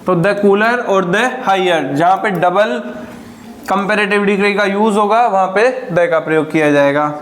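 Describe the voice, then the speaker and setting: A man teaching a grammar lesson, dictating examples slowly and answering his own questions. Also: high-pitched, fairly bright tone, slight background noise.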